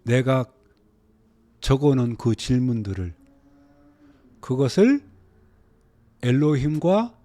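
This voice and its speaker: A man teaching a Bible lesson, dropping to hushed low phrases and then rising into urgent exhortation, with Hebrew words read out slowly. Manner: slow, drawn-out reading of Hebrew words.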